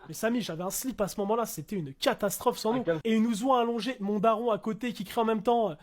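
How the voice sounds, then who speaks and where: Guy from france with a really high voice, telling a crazy story all slangy and animated. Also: fast talker. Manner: animated, acts out shouting cops and slangy street French. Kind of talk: casual comic anecdote.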